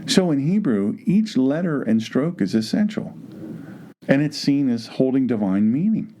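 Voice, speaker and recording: A man teaching the Bible with animated emphasis, often repeating phrases to drive a point home. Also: mid-range voice, a little slow, slight background noise. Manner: acts out imagined objections in quoted voices.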